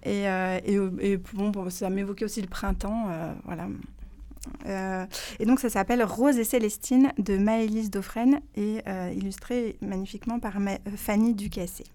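A woman reading a children's picture book aloud, in calm, unhurried storytelling. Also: medium pitch. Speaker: guest reader.

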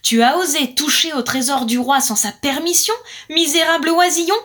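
A woman voicing a monstrous treasure guardian in a storybook tale, in a loud, harsh whisper. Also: sits high, normal speed, voice pushed up. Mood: furious.

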